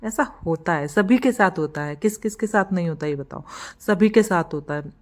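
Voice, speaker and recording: A woman's voice: on the low side, normal speed. A young adult woman narrating her vlog in a chatty, rambling way, often laughing at herself. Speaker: vlogger. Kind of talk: casual vlog voice-over.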